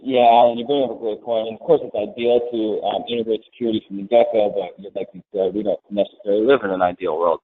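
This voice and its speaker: A man on a webinar panel, explaining grid security in a plain, steady way. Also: fairly low pitch, fast talker, few pauses, breathy edge, no room sound. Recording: tinny phone-like line, dry.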